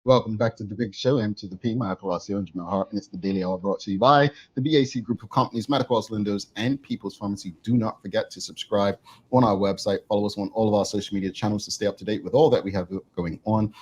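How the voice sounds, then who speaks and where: A man's voice: fairly low pitch, fast talker, a little mellow, husky, low-quality recording. A man co-hosting a casual talk show, chatty and joking with his guest.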